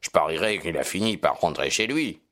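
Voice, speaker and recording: A man voicing a gruff working-class constable who talks colloquially and hesitates with fillers, in an audiobook reading. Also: sits low, expressive, brisk, fairly bright tone. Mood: defensive.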